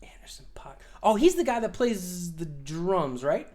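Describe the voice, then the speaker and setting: A man's voice: sits high, very animated, a little slow, darkish tone. A man in his forties co-hosting a casual podcast, rambling with lots of fillers, swearing freely and laughing often. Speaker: podcast co-host.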